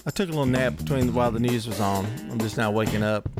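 A man's voice: medium pitch, fast, over loud music. A man, chatting and joking as a co-host on a morning radio show, speaking into a studio microphone. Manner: jokey, chatty sidekick. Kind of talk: casual radio banter.

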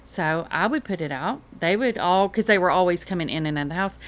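A woman talking casually as an interview guest, telling things in an animated, conversational way. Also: lowish voice, fairly quick. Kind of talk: casual chat. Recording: clear background noise.

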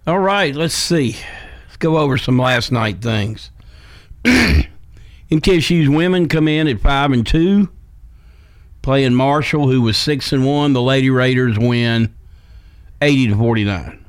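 A man's voice: mid-range voice, measured pace, long pauses, dry recording, clean studio sound. An American man hosting sports radio, talking casually and off the cuff in short, clipped remarks. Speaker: sports talk show host.

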